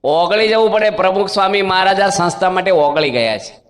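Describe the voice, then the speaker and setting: Male preacher, higher-pitched voice, storytelling sermon, long hall echo. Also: fairly quick. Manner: storytelling with rhetorical questions and quoted dialogue. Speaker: swami giving a religious discourse.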